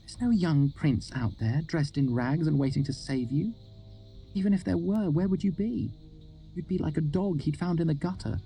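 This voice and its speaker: A man reading aloud, voicing a blunt, sharp-tongued worldly young woman in an audiobook. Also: lowish voice, fairly even intonation, moderate pace, soft background music, pitched above the performer's own voice, lightly acted. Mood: venomous. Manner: blunt, matter-of-fact, biting.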